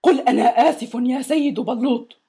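A woman voicing an angry, pompous middle-aged male neighbor in a children's story, shouting and scolding. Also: sits high, a little fast, husky. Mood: furious.

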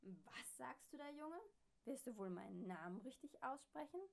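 A woman voicing a posh, short-tempered older male neighbour in a children's story, scolding loudly and indignantly. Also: a little high, lively intonation, a little slow. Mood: furious.

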